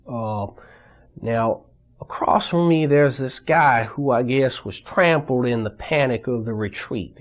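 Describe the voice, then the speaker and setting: A man interviewed in a mock documentary, telling his war story in an earnest, halting way. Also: mid-range voice.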